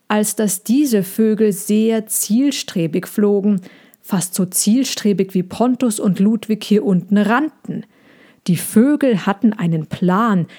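A woman reading a children's story aloud in a slow, hushed, suspenseful way. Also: mid-range voice. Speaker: narrator.

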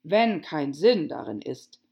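A pompous, fretful storybook king, played by a woman, who lays down his rulings slowly and loudly. His speech is weighty and self-important. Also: low-pitched, lively intonation, muffled recording, full character voice. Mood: pronouncing.

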